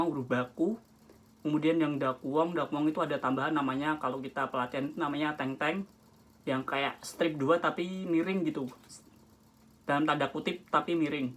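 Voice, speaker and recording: A man's voice: on the high side, fairly bright tone. Casual man explaining Japanese script. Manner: informal, rambling, with frequent restarts and self-corrections. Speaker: Japanese language tutor. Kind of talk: casual home-made lesson.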